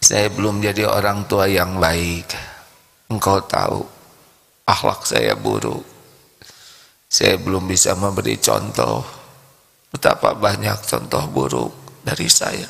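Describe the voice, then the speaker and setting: Contrite praying mother, put on by a male preacher, hushed and humble, lowered pitch, echoing hall. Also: big pitch swings, slow, gravelly, pauses often, exaggerated voice. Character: remorseful mother praying for forgiveness. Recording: long hall reverb.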